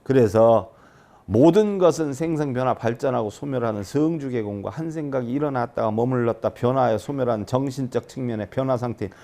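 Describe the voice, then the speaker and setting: A man, a Buddhist monk, giving a dharma lecture and keeping his listeners engaged with rhetorical questions, swinging from loud high emphasis down to soft low asides. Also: brisk.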